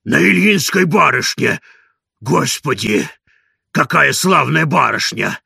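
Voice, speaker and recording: A man voicing an old male servant who fawns and fusses, with a wheezing, hoarse voice, in an audiobook. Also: fairly high pitch, lively intonation, slow, sharp tone, no echo, studio quality, exaggerated voice. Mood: repentant. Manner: bowing and scraping, fussy.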